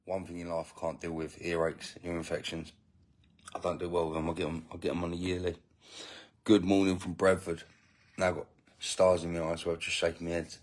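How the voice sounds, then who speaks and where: A man's voice: sits low, completely flat delivery, fast talker. A man hosting a casual live stream, greeting viewers and answering comments in a rambling, self-interrupting way with indignant asides while he feeds his baby. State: feeding a baby while talking. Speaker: family channel host reading live comments.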